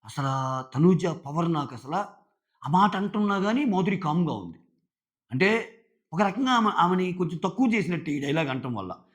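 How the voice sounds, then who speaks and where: A man with a slightly high voice gives a casual, conversational show review. He retells scenes in an easy talking style, quoting what the contestants said. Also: expressive, moderate pace.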